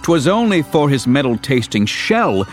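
An actor playing an earnest, exasperated young hero in Shakespearean verse, declaimed like a hammy stage performer. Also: male voice, medium pitch, sing-song, a little slow, faint music behind. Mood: lamenting, dramatic. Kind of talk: dramatic Shakespearean verse reading.

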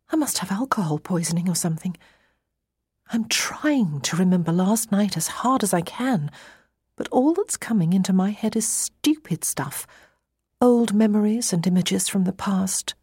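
A woman playing a hungover, groggy young woman, self-mocking and bewildered, groaning and breathy in first-person audiobook narration. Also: medium pitch, darkish tone, dry recording, studio quality, natural voice.

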